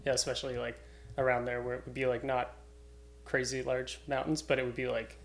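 A man's voice: mid-range voice, level tone, fairly quick, vocal fry. Young guy. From Cape Breton, Canada. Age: young adult. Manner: loose, informal, swears casually. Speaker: podcast guest, climbing route setter. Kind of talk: casual chat.

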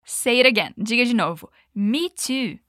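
A woman hosts a podcast language lesson. Her voice is bright and raised a little in pitch, and she sounds playful and upbeat. The recording is dry and close, with no room sound. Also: lively intonation, no room sound. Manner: upbeat, playful, switches between Portuguese and slow English examples. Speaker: English teacher and podcast host.

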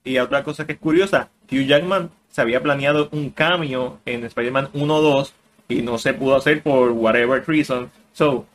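A man's voice: mid-range voice, moderate pace, a little hiss or hum. A man co-hosting a casual podcast chat, opinionated and mixing English words into his talk. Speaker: podcast co-host.

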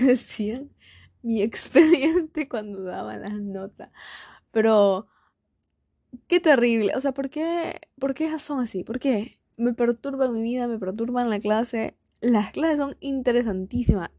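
Una joven con acento costarricense despotrica en un podcast casual, en solitario y con sarcasmo. Su voz es algo aguda, suelta comentarios rápidos al margen, y la grabación suena seca, sin eco. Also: female voice, fairly high pitch, mellow, no room sound, studio quality. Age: young adult. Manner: sarcastic, rambling, quick asides. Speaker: podcast host. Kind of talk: casual solo podcast rant.

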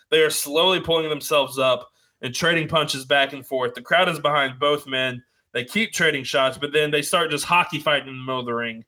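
An excitable man calls the action of a wrestling video game play by play. His voice sits a little high, and he trips over fillers and corrects himself as he goes. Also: poor audio. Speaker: commentator.

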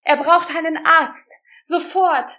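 A woman's voice: sits high, lively intonation, moderate pace, voice pushed up. Woman voicing a frantic, pleading heroine. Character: desperate young woman pleading for help.

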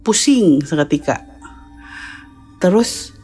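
A woman podcast host telling a first-person ghost story, jumping into a high, worked-up voice when she acts out her own lines. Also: lively intonation, takes it slowly, slightly rough. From Indonesia. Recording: soft music behind.

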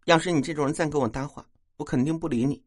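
A man's voice: on the high side, quick pace, dry recording, clean studio sound, pitched above the performer's own voice, lightly acted. A man voicing a tearful, scornful young woman in a spoken ghost story. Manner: sharp, dismissive retorts.

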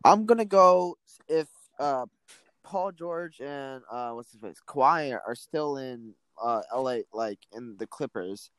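A man's voice: mid-range voice, lively intonation, measured pace, a bit bright, clear, resonant tone, no room sound. A man guesting on a sports podcast, talking loosely with plenty of fillers. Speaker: podcast guest, basketball fan. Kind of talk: casual sports chat.

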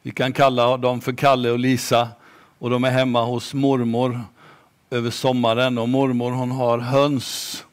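A man preaching a sermon slowly and emphatically, at times dropping to a near-whisper. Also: mid-range voice, flat delivery.

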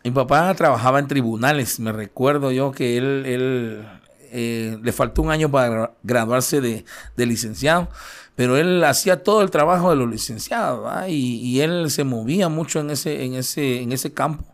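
A man with a Central American Spanish accent tells his own story as an interview guest. He speaks in a halting way, leaning on fillers and repeated tag questions at a medium pitch. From Guatemala, raised in El Salvador. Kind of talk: personal testimony in an interview.

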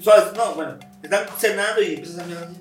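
A man's voice: sits high, quick pace, echoey room, distant mic, music in the background. A man, co-hosting a casual comedy chat, joking and swearing freely, often trailing into a mutter. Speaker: podcast co-host.

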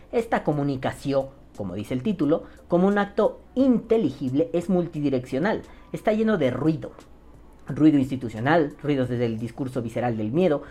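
A Mexican-accented woman with a low, warm voice hosts a podcast and reads out listener comments. She swears freely and jokes around in heavy slang, and her pitch swings lively up and down. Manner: profane, slangy, joking. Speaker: podcast host.

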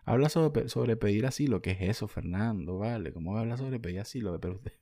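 Profane Venezuelan man, gravelly. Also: lowish voice, animated, brisk, dark tone, no echo, clean studio sound. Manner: blunt, profane, ranting. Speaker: vlogger. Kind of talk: casual monologue answering viewer comments.

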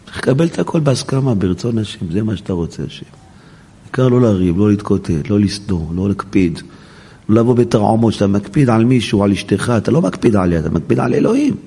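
A rabbi preaches in a synagogue, swinging his pitch widely as he acts out prayers and quoted people. His voice is dark, gravelly and husky. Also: expressive. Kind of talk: sermon.

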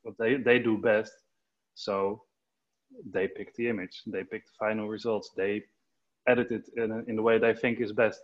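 A man with a lowish voice talks shop in a casual video call, hesitating and restarting with fillers as he goes. His voice comes through a headset with dull, lo-fi sound. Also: little pitch movement, normal speed. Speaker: photographer.

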